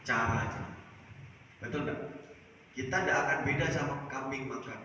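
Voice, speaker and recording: A man from Jakarta giving a dawn sermon in a small prayer house, asking the congregation questions and answering them himself, rising loud on key words and dropping low at line ends. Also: normal speed. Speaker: preacher. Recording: echoey, distant, dull sound with faint noise.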